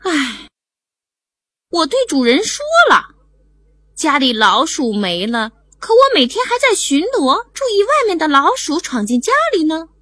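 A woman's voice: high-pitched, very animated, measured pace, a bit bright, no room sound, exaggerated voice. A woman voicing a whiny, tearful tabby cat. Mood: complaining. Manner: wailing, tearful complaining. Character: put-upon young male tabby cat, whiny and plaintive. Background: background music.

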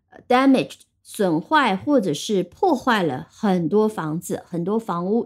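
A woman teaching English vocabulary on a podcast, explaining in Chinese and reading English example sentences slowly, spelling words out letter by letter. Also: medium pitch.

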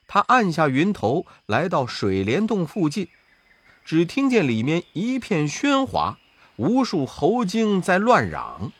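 A man telling a children's story in an expressive, sing-song way. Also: fairly high pitch, takes it slowly, slightly rough, no room sound.

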